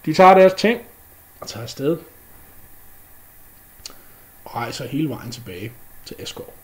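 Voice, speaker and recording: A man's voice: a little high, big pitch swings. A man retelling a myth off the cuff in a casual way, with fillers and mouth sound effects. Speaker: storyteller.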